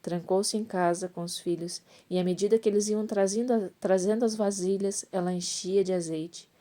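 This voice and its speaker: A woman's voice: mid-range voice, fairly even intonation, normal speed, mellow. A woman reading a Bible story aloud, stumbling at times and correcting herself as she goes. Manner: reads with restarts and self-corrections. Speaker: Bible reader.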